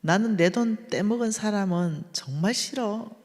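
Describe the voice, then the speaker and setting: A woman voicing a mock-polite male loan shark gangster, speaking low, slow and threatening. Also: darkish tone, big-room sound, natural voice. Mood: menacing.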